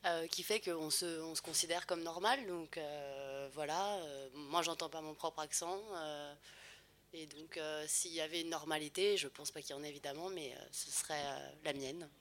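A woman's voice: low-pitched, moderate pace, fairly bright tone. A young woman, talking casually as a panellist. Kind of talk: casual discussion.

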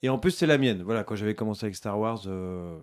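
A middle-aged philosophy teacher answering interview questions in a relaxed, rambling way, full of hesitations. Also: male voice, on the low side, quick pace. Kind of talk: casual radio interview.

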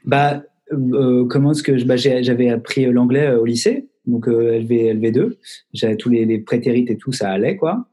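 A man's voice: medium pitch, moderate pace, dark tone, husky. A man, an actor, chatting casually in an interview over a video call, joking with mock-serious tall tales. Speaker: actor guest.

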